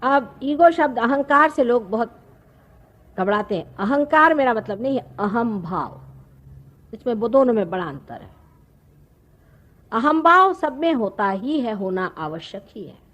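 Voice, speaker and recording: A woman, giving a slow, explanatory spiritual discourse with pauses. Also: a little high, lively intonation, a bit bright. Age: 50s. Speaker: spiritual teacher. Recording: archival talk recording.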